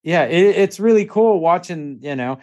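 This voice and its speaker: A man hosting a podcast, chatting in a relaxed, friendly way with plenty of "you know"s. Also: sits high, moderate pace. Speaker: podcast host. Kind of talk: casual podcast chat.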